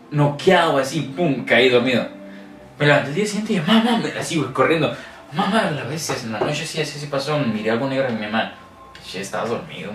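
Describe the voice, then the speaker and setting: A young Mexican man tells a ghost story at a rapid clip, acting out his own cries and the thumping sounds as he goes. His voice is heard a little off mic in a roomy space, with a faint hiss behind it. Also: mid-range voice. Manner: animated storyteller, acts out shouts and sound effects. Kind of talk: casual chat, telling a scary story. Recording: echoey room, mic at a distance, faint noise.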